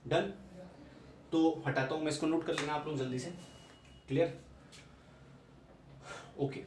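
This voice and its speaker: A man's voice: fairly high pitch, steady tone, a little slow, darkish tone. Man teaching maths in an echoey room. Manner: repetitive, checks understanding with rhetorical questions. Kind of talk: classroom-style lecture. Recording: echoey room, mic at a distance, background noise.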